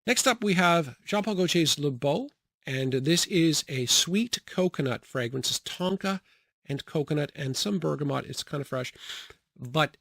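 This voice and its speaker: A young man chatting casually about his fragrances, relaxed, with many fillers and frequent laughs. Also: a little high, unhurried, gravelly, dry recording, clean studio sound. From grew up partly in the Bahamas and Jamaica. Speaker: fragrance reviewer. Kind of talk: casual product review.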